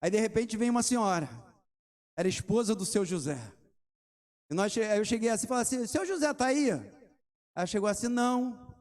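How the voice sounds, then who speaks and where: A man's voice: high-pitched, fast, long pauses, a little mellow. A middle-aged man, preaching a sermon and asking the congregation rhetorical questions between testimony stories. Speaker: pastor.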